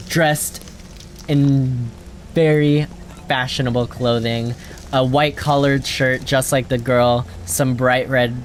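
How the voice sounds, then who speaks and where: A man running a tabletop game as dungeon master, relaxed and casual, laughing often and filling his scene descriptions with ums. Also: medium pitch, slight background noise.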